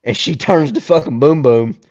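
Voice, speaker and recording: A man's voice: medium pitch, normal speed. A man, co-hosting a podcast and telling long, profane stories in casual chat. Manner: profane, animated storyteller. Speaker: podcast co-host. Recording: dull lo-fi sound.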